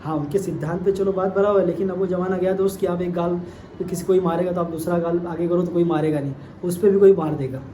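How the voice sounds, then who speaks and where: A man's voice: high-pitched, steady tone, quick pace, warm tone, slight background noise. A man giving an earnest opinion monologue, appealing directly to his viewers. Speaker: YouTube commentator. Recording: echoey room with faint ambience.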